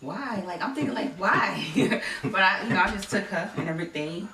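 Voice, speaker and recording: A woman's voice: mid-range voice, quick pace, a loud crowd. A woman casually telling a story, chatty and full of "like", recorded from a distance in an echoey room with faint hiss. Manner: chatty, lots of likes, laughs easily. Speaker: vlogger and wife.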